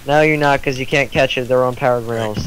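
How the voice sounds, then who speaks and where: Fast-talking insistent man on voice chat. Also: mid-range voice, steady tone, fairly bright tone, poor audio. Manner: quick, insistent, stammers repeats. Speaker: gamer. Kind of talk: casual voice-chat banter. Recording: faint background noise.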